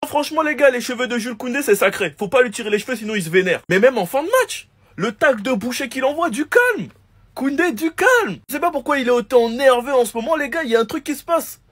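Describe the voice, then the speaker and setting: A man with a very high, husky voice talks quickly in a casual football commentary. He teases and mock-scolds, speaking straight to his viewers. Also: a bit bright.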